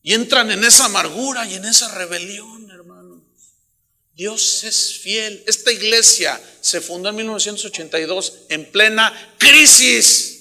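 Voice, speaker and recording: High, bright-voiced Mexican preacher. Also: male voice, a little slow. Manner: storytelling preacher, swings from soft asides to loud emphatic bursts; blunt, joking scolding of the congregation. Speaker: pastor. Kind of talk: sermon.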